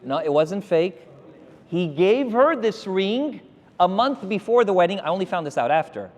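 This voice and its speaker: A male rabbi lectures his congregation, his fairly high voice swooping up and down as he spins a story. He keeps turning to the crowd to ask and prod them. The sound rings with a long hall reverb. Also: normal speed. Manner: animated storytelling, addressing the crowd directly.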